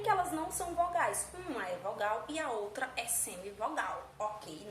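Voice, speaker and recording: Teacher, woman, high voice, lively explainer, roomy echo. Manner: animated, checks in often with "tá?", voices student questions. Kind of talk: explaining grammar to students. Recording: echoey room with faint ambient noise.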